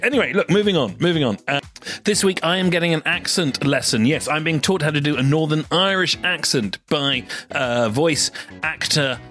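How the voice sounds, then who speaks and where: A man hosting a comic podcast, talking in a rambling, halting, mock-earnest way. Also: mid-range voice, fairly bright tone. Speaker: podcast host.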